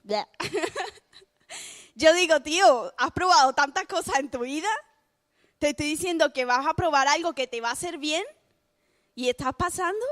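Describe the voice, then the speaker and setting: A young woman with a Spain Spanish accent giving a chatty, lively youth sermon, often laughing at herself. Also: sits high, a little slow, pauses often. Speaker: youth speaker.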